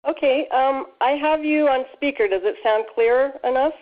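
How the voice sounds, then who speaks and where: A woman's voice: sits high, moderate pace. Woman on speakerphone, tinny phone sound, asking her questions one by one, polite. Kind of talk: Q&A call.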